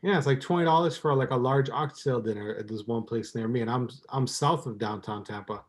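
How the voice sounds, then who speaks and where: A man in his thirties from Trinidad talks easily in a casual podcast chat. His voice sits at an ordinary middle pitch, and he wanders through his thoughts with plenty of ums and likes. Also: fairly quick. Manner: rambling, relaxed, many ums and likes. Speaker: podcast guest, cooking YouTuber.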